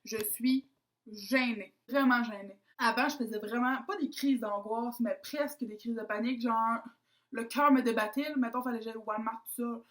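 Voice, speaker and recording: A woman's voice: fairly high pitch, normal speed. A young woman with a Québécois French accent, chatting casually to camera as a vlogger, self-mocking and dropping in English words.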